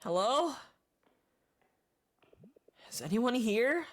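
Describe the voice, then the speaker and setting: A woman reading a grief-stricken young man's lines in a hushed, halting, pleading voice. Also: a little high, very animated, full character voice. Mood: hushed despair.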